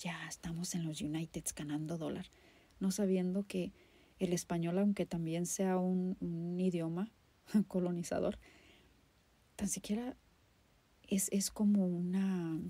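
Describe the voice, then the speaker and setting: Her voice is lowish and dark with a breathy edge, captured in a dry recording. This Mexican-accented woman from Guadalajara hosts a podcast, and here she gives an intimate, poetic monologue full of passion, emphasis and dramatic repetition.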